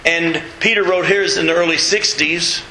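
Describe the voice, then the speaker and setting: A middle-aged man preaching a sermon as pastor, animated and reading scripture aloud to his congregation. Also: a little high, normal speed, reverberant, a little hiss or hum, rough recording. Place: church sanctuary with congregation.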